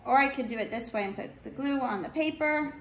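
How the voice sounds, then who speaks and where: Her voice sits high as this middle-aged art teacher, seated at a wooden table indoors, shows children a craft step by step, using short, simple phrases at an unhurried pace while her hands work. The camera sits a couple of meters away, catching roomy echo and faint background noise.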